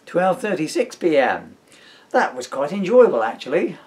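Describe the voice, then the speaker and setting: His slightly high voice swings widely in pitch at a normal speed, with a darkish tone. A middle-aged British father, author and stage performer, he reads his own comic writing and chats casually, rambling playfully off topic, recorded via camera mic.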